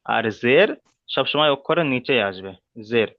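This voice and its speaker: Patient man teaching slowly. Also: medium pitch, animated, no room sound, lo-fi sound. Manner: patient, repeats each rule slowly. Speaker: Quran reading teacher. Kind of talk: online class instruction.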